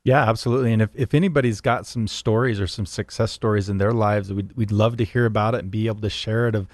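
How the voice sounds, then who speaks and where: A man's voice: fairly low pitch, steady tone, fast talker, a little mellow, no room sound, clean studio sound. A man in his forties co-hosting a podcast, chatting casually and often repeating words as he starts his sentences. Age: 40s. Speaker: podcast co-host. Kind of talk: casual chat.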